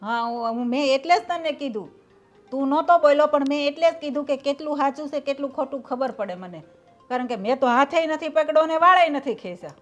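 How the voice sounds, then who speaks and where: Brief: a high-pitched, scornful mother-in-law, played by a woman who argues back at her son. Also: expressive, brisk, soft background music. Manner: scornful, argumentative. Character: older mother-in-law, defensive and sharp-tongued. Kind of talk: family drama acting.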